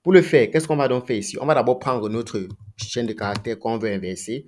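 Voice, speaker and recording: A man's voice: medium pitch, expressive, brisk, darkish tone. A man teaching a coding tutorial, thinking aloud, asking himself rhetorical questions and repeating phrases as he goes. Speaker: programming tutor. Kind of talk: screen-recorded coding tutorial.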